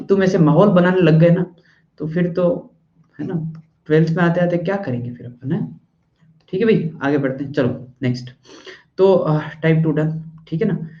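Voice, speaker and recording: A male teacher lecturing a class in a chatty way, stopping after each point to ask if the students follow, and at times scolding them bluntly. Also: fairly high pitch. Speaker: math and physics teacher. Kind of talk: classroom lecture in Hindi-English mix. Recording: echoey room, dull lo-fi sound.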